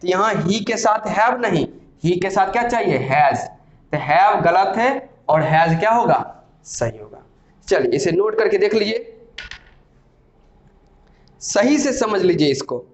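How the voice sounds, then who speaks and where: High-voiced male grammar teacher, echoey room. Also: lively intonation, takes it slowly, long pauses. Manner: explains step by step, asks and answers his own questions. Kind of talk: Hindi grammar lesson with slow-read English sentences. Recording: echoey room, slightly dull sound.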